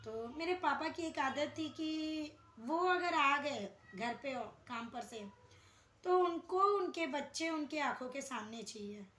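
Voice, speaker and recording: High-voiced woman telling a story. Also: slow. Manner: lively, animated retelling of childhood memories. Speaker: vlogger. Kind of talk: casual storytelling. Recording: echoey room with faint noise.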